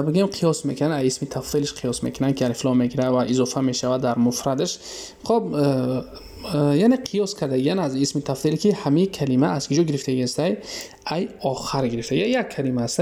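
Mellow-voiced Tajik man teaching grammar. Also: on the high side, gravelly. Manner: keeps checking understanding with quick questions; hesitant, many filler sounds. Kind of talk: classroom lesson explanation.

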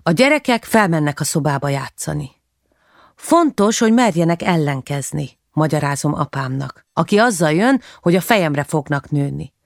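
A woman with a low, gravelly voice reads a first-person novel aloud. Her delivery turns emotional and climbs sharply when the scene heats up. The sound is close and dry, with no room around it. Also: lively intonation, hardly any pauses, dry recording. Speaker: audiobook narrator.

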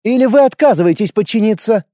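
A man's voice: high voice, lively intonation, fast talker, dark tone, no echo, clean studio sound, pitched above the performer's own voice. A man doing an icy female elf commander. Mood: threatening.

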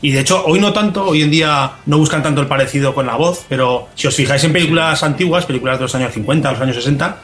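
A man's voice: a little high, quick pace, hardly any pauses, fairly bright tone. A man from Spain chatting on a film podcast, emphatic and opinionated, laughing easily. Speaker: podcast co-host. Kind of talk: casual film podcast chat.

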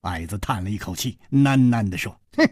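A man telling a martial arts tale for radio in a vivid, animated storytelling style. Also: brisk, slightly rough, no echo, clean studio sound. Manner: highly animated, vivid delivery.

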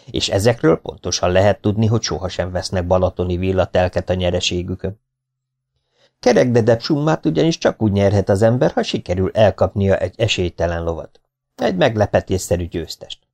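Man, audiobook narrator, gravelly, low-pitched, lively delivery, wry. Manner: wry, storytelling. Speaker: audiobook reader.

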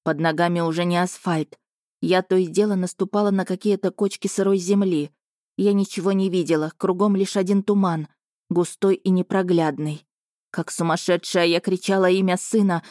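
A woman's voice: fairly low pitch, steady tone, normal speed, darkish tone, no echo, clean studio sound. A woman narrating a first-person fantasy audiobook.

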